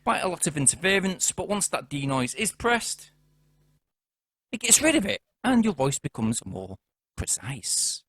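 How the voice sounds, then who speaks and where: A man's voice: on the high side, sing-song, measured pace, fairly bright tone, breathy edge, dry recording, clean studio sound. A man giving a chatty, jokey product review in a casual, upbeat way.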